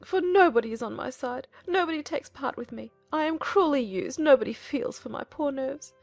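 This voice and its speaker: A woman's voice: sits high, lively intonation, normal speed, gravelly, dry recording, faint music behind. A woman playing a self-pitying, nagging middle-aged mother in a dramatized audiobook, theatrical and insistent. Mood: melancholy, self-pitying.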